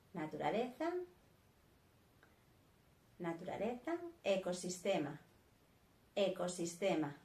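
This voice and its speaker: A woman teaching a vocabulary lesson, saying each word slowly and twice with a Spanish accent. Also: fairly low pitch, a little mellow, reverberant. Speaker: sign language teacher. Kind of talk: slow vocabulary lesson, naming words one by one.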